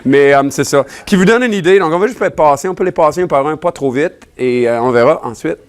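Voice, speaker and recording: A man whose first language is English delivers a sermon in a church in a fairly high voice. He talks casually, with jokes, fillers and restarts. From Ontario, Canada. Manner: casual, joking, halting with many fillers. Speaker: preacher.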